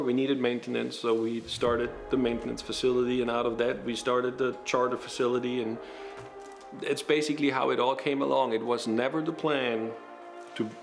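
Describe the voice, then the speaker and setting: A man in his forties with a German accent, telling his story in a documentary interview, measured and pausing with fillers. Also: mid-range voice, vocal fry. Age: 40s. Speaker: pilot and flight school owner.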